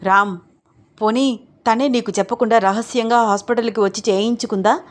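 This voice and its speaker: A woman's voice: on the high side, steady tone, brisk, lightly acted. A woman voicing an angry older woman who scolds and interrogates in a read-aloud audio story. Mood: accusing.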